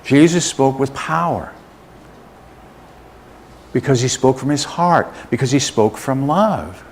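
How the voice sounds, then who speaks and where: A male minister preaches slowly and deliberately, giving each phrase plenty of room. He is animated and leads his congregation in call and response, with a middle-range voice. Faint room noise from the live service sits behind him. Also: mid-range voice. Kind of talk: sermon. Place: church sanctuary.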